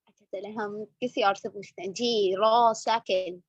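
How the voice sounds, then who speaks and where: A woman teaching Quran recitation online, drawing verses out slowly for repetition, then correcting and praising briskly. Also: medium pitch, fairly even intonation, breathy edge, no echo, dull audio. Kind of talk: online tajweed lesson, call and repeat.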